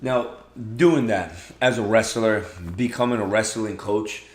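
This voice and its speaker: In an echoey room, a man hosts a podcast interview, asking questions casually. His lowish voice keeps fairly even intonation and an unhurried pace, and he encourages his guest with frequent backchannels.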